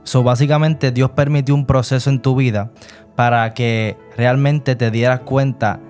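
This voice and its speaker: A man's voice: medium pitch, fairly even intonation, a little slow, darkish tone, soft background music. Man hosting a faith interview. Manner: preachy, reflective questioning with many fillers. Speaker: host interviewing a guest.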